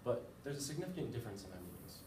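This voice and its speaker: A young man from the United States rattles through a casual, informative class presentation in a sing-song, medium-pitched voice at a rapid-fire pace. A few fillers and self-deprecating asides come through, along with echo, background noise, and distance from the mic.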